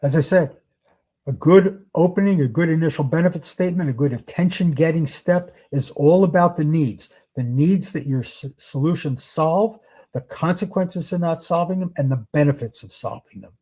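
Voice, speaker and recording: With a fairly high-pitched, dark-toned voice at a moderate pace, a male sales trainer leads a workshop presentation. He keeps it conversational and emphatic, posing rhetorical questions to the audience.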